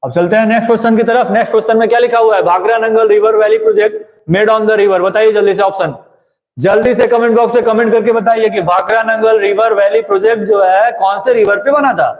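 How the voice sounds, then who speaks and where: A man's voice: high voice, steady tone, fast. A male teacher going through exam questions, asking questions and answering them himself, and urging viewers to comment. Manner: asks and answers his own questions. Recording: echoey room with long reverb.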